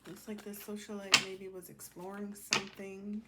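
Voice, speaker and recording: Hosting a collective tarot reading, a woman improvises casually, chatting colloquially to herself and to the cards as she goes. Her mid-range voice shows little pitch movement at a normal speed, and the recording is very noisy.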